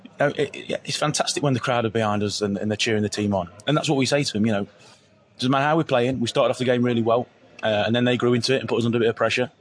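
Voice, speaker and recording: Quick, slightly hoarse football coach. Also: male voice, medium pitch, fairly even intonation. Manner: upbeat, repeats "you know". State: voice partly lost. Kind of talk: post-match interview.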